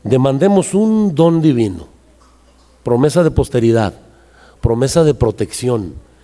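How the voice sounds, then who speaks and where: A man preaching a sermon in a lively, storytelling way, acting out the voices of the people in his stories. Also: mid-range voice, a little slow. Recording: long hall reverb.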